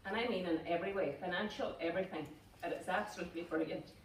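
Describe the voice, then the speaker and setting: A middle-aged woman with a low voice gives a halting, choked-up thank-you speech. She is heard from across an echoing room, with a faint wash of noise underneath. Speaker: award-winning masters runner. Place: function room at a club reception. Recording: echoey room, distant mic, faint noise.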